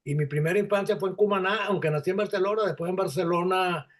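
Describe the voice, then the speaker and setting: An older Venezuelan man in his seventies, talking as an interview guest. His voice sits a little high for a man, and he pauses and restarts often as he reflects. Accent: Venezuelan Spanish. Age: 70s. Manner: halting, reflective, with frequent restarts. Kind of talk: conversational interview.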